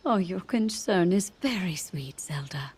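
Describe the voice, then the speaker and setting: Queen Sonia, gentle low-voiced game queen. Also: animated, a little slow, breathy edge, full character voice. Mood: gentle, reassuring. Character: gentle, perceptive ancient queen, motherly and playful. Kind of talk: video game cutscene acting. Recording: orchestral game music behind the voice. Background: music.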